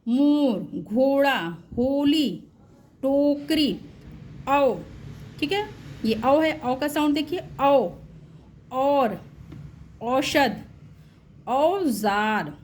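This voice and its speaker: A woman's voice: high-pitched, darkish tone, slight background noise. A woman teacher explaining how to teach Hindi vowel signs, sounding out syllables one by one and mixing English words into her Hindi. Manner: drawn-out, careful sounding out of syllables. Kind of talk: slow Hindi phonics lesson for parents and teachers.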